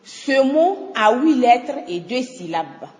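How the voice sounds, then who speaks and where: A woman co-presents a scripted radio lesson, reading her lines slowly and evenly. Her voice carries a long hall reverb. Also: on the high side, big pitch swings.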